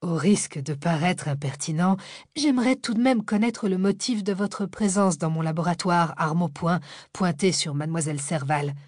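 A phlegmatic male professor in his sixties speaks in polite, formal, unhurried sentences in an audiobook thriller, as a woman narrator acts him out. His voice is lowered and composed, recorded dry and close. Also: a little mellow, no room sound, lightly acted. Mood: courteous, amused. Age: 60s.

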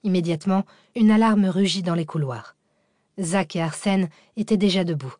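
Low-voiced woman narrating a thriller. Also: moderate pace, darkish tone, no room sound, clean studio sound. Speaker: audiobook narrator. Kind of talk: scripted narration.

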